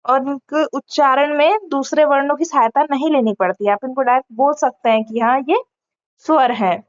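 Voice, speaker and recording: A woman's voice: high voice, normal speed, dry recording. A woman teaching an online grammar lesson step by step, with many fillers and corrections along the way. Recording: muffled lo-fi audio.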